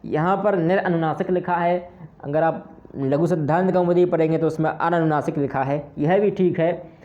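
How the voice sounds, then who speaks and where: A man's voice: high-pitched, a little mellow. A man teaching a grammar lesson, explaining step by step in a patient way and drawing out vowel sounds to demonstrate them. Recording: dull, muffled lo-fi recording.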